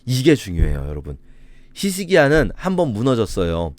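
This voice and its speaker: A man preaching a sermon as a pastor, telling the story in an animated, dramatic way. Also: mid-range voice, normal speed, no echo.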